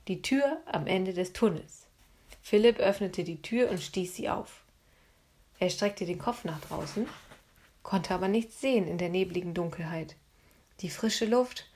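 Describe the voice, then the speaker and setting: A woman reads a children's storybook aloud in a breathy, airy voice at a middle pitch. She keeps the narration hushed and suspenseful, dropping almost to a whisper in the tense moments. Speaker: audiobook narrator.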